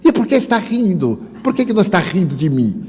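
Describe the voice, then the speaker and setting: A man putting on a grumpy, impatient stranger in an airport line, heckling in a loud, confrontational way. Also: high voice, sing-song, brisk, slightly rough, big-room sound, voice pushed up, heavily acted.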